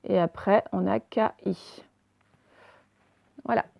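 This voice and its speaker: A woman teacher giving a recorded spelling lesson, dictating words slowly and spelling them letter by letter. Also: mid-range voice, steady tone, creaky, darkish tone, dry recording. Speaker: primary school teacher.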